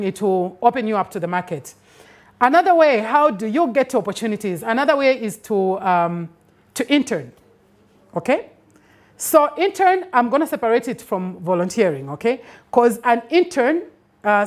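A woman's voice: fairly high pitch, expressive, normal speed. Zambian woman teaching with emphatic "okay?" checks. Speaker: film industry master class speaker. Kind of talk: instructive talk to an audience. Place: bright indoor studio with banner backdrop.

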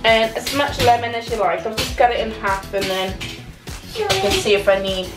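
With music in the background, a young cooking vlogger chats her way through a recipe as she cooks at home, recorded on a camera mic in the kitchen. Her voice sits a little high, with lively intonation and a normal speed. She sounds casual and unsure, dropping plenty of ums.

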